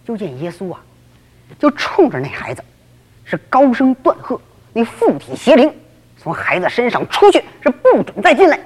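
A woman storyteller tells her tale in the old oral style, exclaiming often. Her fairly high voice rises and falls a great deal and sounds a little breathy. It all rings in a long reverb. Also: normal speed. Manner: lively, exclamatory, many interjections.

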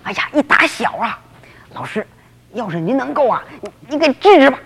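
A woman's voice: a little high, sing-song, brisk, a bit bright, breathy edge, full character voice. A woman voicing a desperate middle-aged father pleading for help for his son. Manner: pleading, anxious. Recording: long reverb.

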